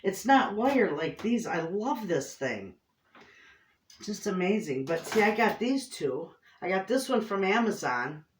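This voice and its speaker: A woman's voice: medium pitch, big pitch swings, a little slow, slight background noise. Woman, middle-aged, Michigan inland accent; folksy homestead vlogger chatting casually, picked up at a distance in a roomy space. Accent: Inland Northern American (Michigan). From Michigan, United States. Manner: folksy, effusive, repeats herself. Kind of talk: casual chat to camera. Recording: roomy echo, distant microphone.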